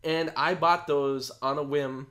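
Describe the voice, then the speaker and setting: A man's voice: fairly high pitch, fairly even intonation, measured pace, fairly bright tone. A man co-hosting a podcast, chatting casually and rambling with enthusiasm, laughing often. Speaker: podcast co-host. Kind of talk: casual chat.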